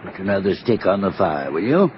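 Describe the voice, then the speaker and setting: Gruff old retired sea captain, lowish voice, old radio play, muffled and noisy. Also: male voice, sing-song, brisk. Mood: uneasy, evasive. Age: older. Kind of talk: old radio drama acting.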